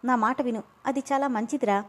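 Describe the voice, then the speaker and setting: A woman's voice: fairly high pitch, fairly even intonation, normal speed, lightly acted. A woman voicing a middle-aged mother who pleads with and scolds her son. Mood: pleading.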